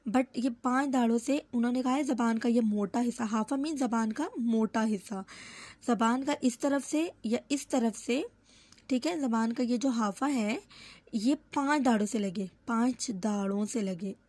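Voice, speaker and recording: Patient woman teaching letter sounds slowly. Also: on the high side, a little mellow, no echo. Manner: patient, repeats each letter slowly and drawn out; explains with fillers and self-corrections. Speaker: Quran reading teacher. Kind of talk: step-by-step lesson on letter pronunciation.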